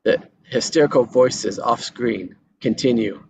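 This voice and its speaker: Unhurried and mid-range, this man's voice has vocal fry and a breathy edge as he reads stage directions at a table read. Sometimes he stumbles and repeats words. It's a dull, lo-fi recording with background noise.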